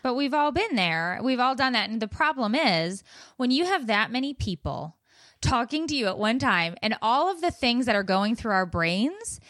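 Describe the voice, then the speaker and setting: A woman's voice: fairly high pitch, very animated, normal speed, fairly bright tone, no room sound. A woman co-hosting a parenting podcast in casual banter, joking and exaggerating in a supportive way. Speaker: podcast co-host and mother.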